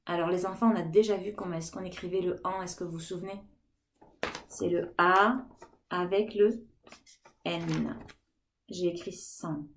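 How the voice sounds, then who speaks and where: A woman teaching a remote lesson to kindergarten children, gently encouraging and counting aloud with them. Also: lowish voice, a little hiss or hum.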